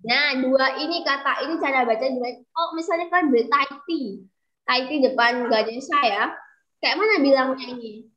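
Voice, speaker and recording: A woman's voice: sits high, moderate pace. A young woman tutoring English in an online class, chatty and coaxing her students to answer, in a dim room over a video call. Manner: chatty, calls herself kakak, coaxes students to answer. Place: room growing dark, using a flashlight. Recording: dull lo-fi video call audio.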